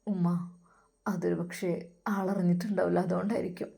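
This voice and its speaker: A woman voicing a heartbroken young man who talks softly and low, almost whispering. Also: fairly even intonation, moderate pace, natural voice. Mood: sad. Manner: soft, low and subdued, near a whisper. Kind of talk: storytelling with acted dialogue.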